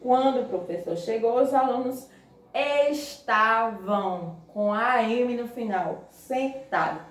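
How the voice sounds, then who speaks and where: Slow-talking woman teacher, echoey room. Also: on the high side. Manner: slow, stresses syllables, asks the class questions. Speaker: Portuguese teacher. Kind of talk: recorded grammar lesson. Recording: echoey room, distant from mic.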